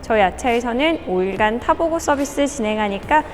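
A woman's voice: fairly high pitch, animated, normal speed, slight background noise. A woman narrating a scripted used-car walkaround as a dealership presenter, with polite, orderly inspection patter. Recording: music behind the voice. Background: background music.

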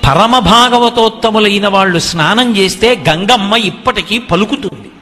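A man's voice: high-pitched, moderate pace, pushed and bright, a little hiss or hum. A man telling a devotional story to listeners, speaking earnestly and addressing them directly. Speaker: religious storyteller. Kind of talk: devotional discourse. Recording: long hall reverb.

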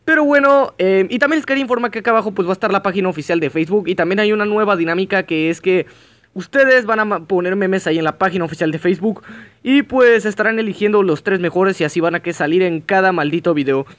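A young man with a Mexican Spanish accent, giving profane horror game let's play commentary and yelling curses in panic. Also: high voice, fast, dry recording. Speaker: gaming YouTuber.

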